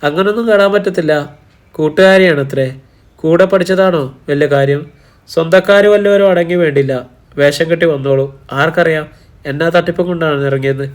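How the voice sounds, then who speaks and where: A man voicing a sharp-tongued, hostile middle-aged woman who scolds and sneers in an audiobook story. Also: a little high, a little fast, lightly acted. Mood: scornful. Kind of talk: audiobook character voice.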